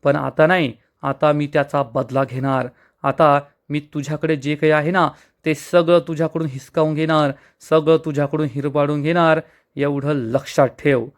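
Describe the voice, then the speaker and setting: A man's voice: a little high, steady tone, moderate pace, lightly acted. A man reading the lines of an arrogant, hot-tempered young woman in a rude, defiant way. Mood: scornful.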